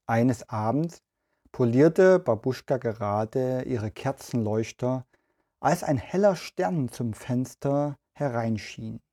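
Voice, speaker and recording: A man hosting a podcast for children and reading a story aloud in a gentle, even way. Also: mid-range voice, slow pace.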